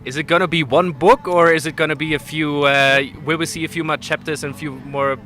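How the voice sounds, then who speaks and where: A man's voice: a little high, steady tone, brisk, bright, forceful tone, soft background music. A man interviewing a guest at a festival, upbeat, often using fillers like "I mean". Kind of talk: outdoor interview. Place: outdoors at a lakeside festival.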